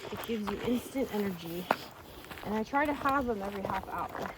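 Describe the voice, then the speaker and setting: A woman's voice: mid-range voice, lively intonation, fairly quick. A woman chatting casually on a hike, earnest and encouraging like a coach to her companion. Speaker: hiking companion giving encouragement. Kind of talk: casual chat. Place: outdoors on a hiking trail. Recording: clear outdoor background noise.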